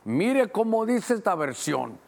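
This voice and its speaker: A middle-aged man from Guatemala, a pastor preaching a Bible-study sermon who slows to read verses aloud and speeds through asides to his helpers. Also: high-pitched, sing-song, gravelly, darkish tone. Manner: teaching, directing helpers to show verses on screen.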